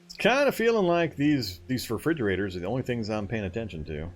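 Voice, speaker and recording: A man with a quick, very animated, mid-range voice streams a video game live. As a let's play streamer, he reasons aloud while looting, explains the mechanics, and replies to chat with easy laughs.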